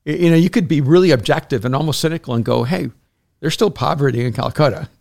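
On this podcast the guest, a middle-aged pastor and writer from El Salvador, talks fast in a slightly high, gravelly, somewhat mellow voice. His manner is earnest and anecdotal, full of restarts, as the conversation stays casual and thoughtful.

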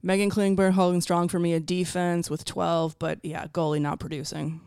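A man co-hosting a sports podcast with a raspy morning voice, explaining his picks at length in a casual way. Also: high voice, little pitch movement, moderate pace, a little mellow, no echo, studio quality. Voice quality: gravelly morning rasp. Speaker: podcast co-host.

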